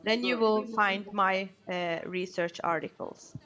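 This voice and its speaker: A woman delivers a research talk at a conference, taking her time over each phrase. Her pace is slow and deliberate, and her tone is explanatory and steady, with the occasional pause to find a word. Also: medium pitch, highs cut off, crowd noise. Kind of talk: prepared conference presentation.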